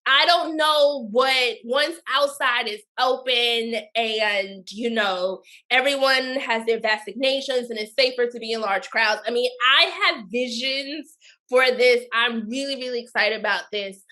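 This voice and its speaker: A woman hosting a live talk show, chatting playfully with a guest and joking in church style, her voice a bit hoarse. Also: a little high, steady tone, a little slow, bright, forceful tone. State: slightly hoarse. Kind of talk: casual live chat.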